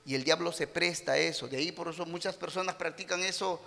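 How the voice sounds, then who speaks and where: A man's voice: a little high, fast, vocal fry, sharp tone, long reverb tail, faint music behind. A man preaching a sermon as a pastor in a church, acting out the people he quotes and punching his points with boxing-style exclamations. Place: church sanctuary.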